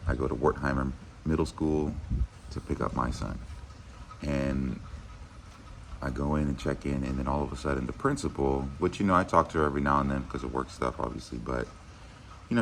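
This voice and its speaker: A very deep-voiced man talks to his staff in an easy, earnest way, leaning on "you know" as he goes. He sounds middle-aged and speaks like a school administrator. A faint hum runs under the recording. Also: creaky, a bit bright. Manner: earnest, conversational, many "you know" fillers. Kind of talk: casual video message to teachers.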